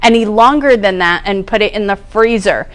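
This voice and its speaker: Female cooking teacher, middle pitch, clean resonant tone, relaxed and talkative. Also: normal speed. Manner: chatty, explains each step while working. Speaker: cooking class instructor. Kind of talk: casual cooking demonstration. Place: kitchen classroom.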